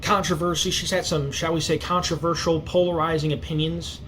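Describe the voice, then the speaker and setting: A man's voice: a little high, level tone, brisk, a bit bright, slight background noise, rough recording. A man giving long-winded, hedging, repetitive opinion commentary, with a whistling s through his teeth. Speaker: online sports commentator.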